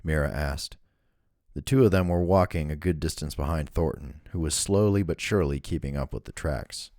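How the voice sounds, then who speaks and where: Deep-voiced man reading fiction aloud. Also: normal speed, a little mellow, no echo, clean studio sound. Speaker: author reading his own novel. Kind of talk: scripted narration.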